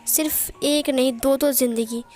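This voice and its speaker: Sharp-tongued mom scolding the family, read by a woman, high flat voice. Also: measured pace, soft background music. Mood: reproachful. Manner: reproachful. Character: sharp-tongued noble mother.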